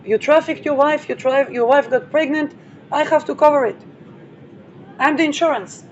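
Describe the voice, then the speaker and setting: A woman's voice: high voice, normal speed. A woman hosting an astrology channel who talks in a rambling, digressive way, with playful asides and frequent fillers. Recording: dull lo-fi audio with vehicle noise.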